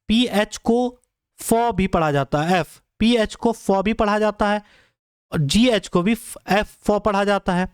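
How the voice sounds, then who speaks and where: A man's voice: high-pitched, smooth, no room sound, clean studio sound. A young man teaching spelling for exams, explaining step by step and spelling words out letter by letter. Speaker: exam English teacher. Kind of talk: classroom lecture.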